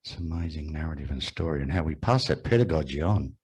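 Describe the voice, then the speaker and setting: Man, Australian accent, very deep husky voice, slow poetic ceremonial welcome. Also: expressive, a little mellow, low-quality recording. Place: large room with an audience.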